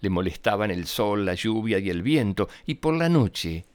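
A man's voice: on the low side, expressive, normal speed, darkish tone, smooth. A man hosting and narrating for children, speaking in simple phrases as a storyteller. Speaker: children's storyteller and show host. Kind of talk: greetings to young listeners and scripted storytelling. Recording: roomy echo with music behind. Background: music.

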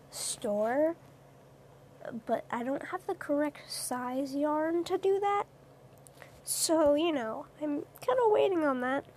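A woman's voice: high-pitched, darkish tone, slight background noise. A young woman streamer rambling hesitantly in a casual late-night chat, with lots of fillers.

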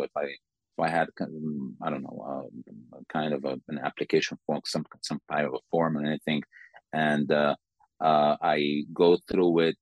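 A man in his forties with a Sudanese accent, answering interview questions in a halting, careful way and often repeating words. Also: very deep voice, dry recording. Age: 40s. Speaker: interview guest. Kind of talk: conversational interview.

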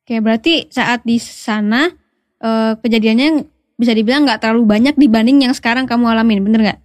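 A woman's voice: fairly high pitch, brisk. A woman interviewing a guest in casual chat, mostly listening and asking short follow-up questions. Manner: quiet listener, brief prompts.

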